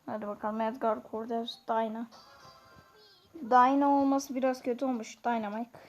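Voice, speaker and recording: A woman giving chatty, excitable commentary on her own gameplay, talking straight to her viewers. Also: a little high, normal speed, faint music behind. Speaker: gaming YouTuber. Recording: dull lo-fi sound.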